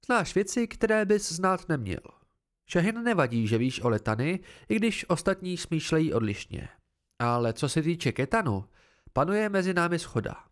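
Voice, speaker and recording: Stern female sword mentor, blunt and lively-voiced, as a male reader puts her on for an amateur audiobook. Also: a little high. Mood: instructive. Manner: blunt, instructive, measured.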